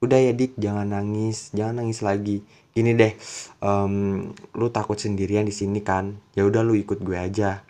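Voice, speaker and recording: Guy doing a cool blunt schoolboy, lowish voice, gruff but kinda soft. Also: level tone, normal speed, natural voice. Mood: coaxing. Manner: gruff then coaxing, slangy.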